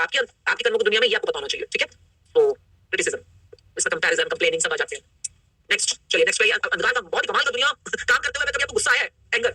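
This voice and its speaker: A middle-aged woman leading a live online workshop, energetic and coaxing, often putting questions to the group through a laptop mic on a video call. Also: medium pitch, breathy edge, no echo. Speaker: workshop coach.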